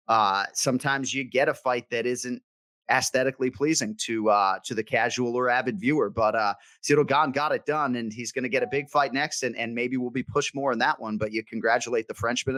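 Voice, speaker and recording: A man co-hosting a sports podcast, joking and teasing in quick casual banter. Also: medium pitch, fairly even intonation, fairly bright tone, no room sound. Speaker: podcast co-host.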